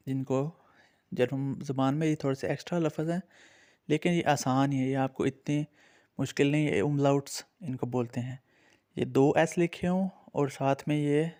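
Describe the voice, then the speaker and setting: A man's voice: a little high, darkish tone, smooth. Patient man teaching a language lesson. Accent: Urdu-influenced. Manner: patient, repeats each letter slowly for learners.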